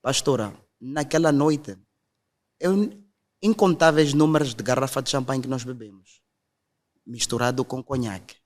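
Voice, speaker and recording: A man's voice: mid-range voice, normal speed. A young man, earnestly telling his conversion testimony in a podcast conversation. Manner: earnest storytelling, quotes others directly.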